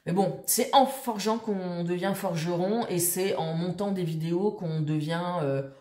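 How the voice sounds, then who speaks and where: Woman vlogger, low-ish voice, chatty and rambling; roomy echo. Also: a little slow, dark tone. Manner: chatty, rambling, many fillers and restarts. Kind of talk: casual chat to camera.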